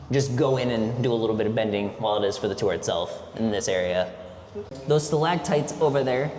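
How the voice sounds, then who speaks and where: Male cave guide, explanatory tour delivery, mid-pitched, heavily echoing cave acoustics with noise behind. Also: a little mellow. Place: inside a cave, on a tour boat. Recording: echoey cave, long reverb, background noise.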